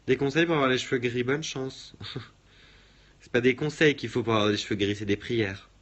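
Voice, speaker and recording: A man's voice: mid-range voice, moderate pace, fairly bright tone, highs cut off. A man vlogging in a sassy, camp way, swearing freely and mocking people. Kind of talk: casual vlog chat.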